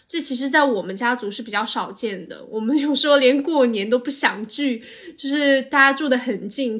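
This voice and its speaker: A woman's voice: fairly high pitch, fairly bright tone. A woman co-hosting a podcast in casual, reflective conversation, explaining things analytically and at length. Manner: analytical, explains at length with occasional English filler. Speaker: podcast co-host.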